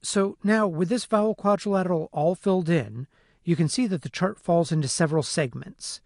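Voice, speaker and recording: A man narrating a phonetics lesson in a clear, methodical way. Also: high-pitched, moderate pace, a little mellow, no echo, studio quality. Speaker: phonetics instructor. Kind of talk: scripted lecture narration.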